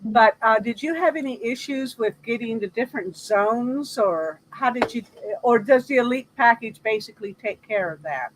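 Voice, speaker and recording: A woman's voice: a little high, lively intonation, normal speed, hardly any pauses, a little hiss or hum, low-quality recording. A woman hosting a casual live chat about everyday practical matters, speaking conversationally.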